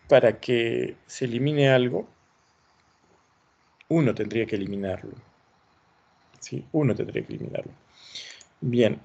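A man's voice: mid-range voice, gravelly, darkish tone, husky. A man teaching an online class, thinking aloud and encouraging as he reviews students' work. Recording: dull lo-fi sound.

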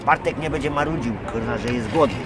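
A man's voice: medium pitch, fast talker. A middle-aged man chatting casually while fishing on a city riverbank, joking and swearing often. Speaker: angler. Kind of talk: casual chat. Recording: loud outdoor city noise.

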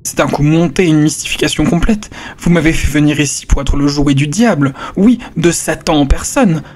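A man voicing an outraged young male poet who shouts indignant accusations. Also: on the high side, normal speed, lightly acted. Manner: loud indignant outbursts.

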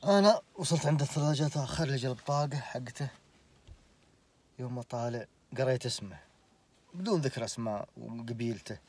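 A man in his late twenties with a Saudi accent, telling a personal story casually, animated and full of oaths. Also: medium pitch, fairly quick, husky. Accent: Saudi Arabic. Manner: animated, swears oaths, laughs through the story.

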